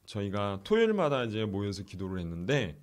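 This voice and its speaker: A middle-aged pastor telling a story in a sermon, softly acting out the prayers of the people in it. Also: male voice, lowish voice, huge pitch swings, fairly quick. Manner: soft-spoken, acts out quoted prayers, laughs often.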